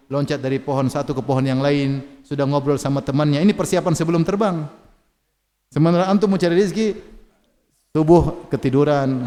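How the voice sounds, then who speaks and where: High-voiced Indonesian man preaching in a mosque. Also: big-room sound. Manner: animated and joking, reciting Arabic verses. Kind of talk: sermon.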